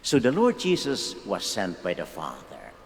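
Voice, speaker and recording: A man serving as priest, reading the gospel and preaching slowly and deliberately, with his voice ringing in a long church reverb. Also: low-pitched, wildly swooping pitch, slight background noise. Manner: slow, deliberate proclamation. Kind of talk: liturgical reading and homily.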